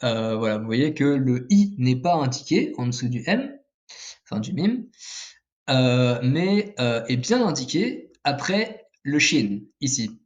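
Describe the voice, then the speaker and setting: A man's voice: mid-range voice, very animated, unhurried, lo-fi sound. A man giving a casual video lesson, explaining step by step with frequent fillers and self-corrections while drawing with a pen. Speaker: language teacher.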